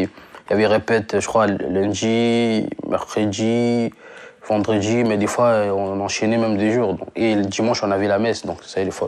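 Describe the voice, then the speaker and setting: A young man from Congo, a singer, chatting casually in an interview, slangy and full of restarts and fillers. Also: fairly low pitch. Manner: relaxed slangy talk with many restarts and fillers. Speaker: singer guest.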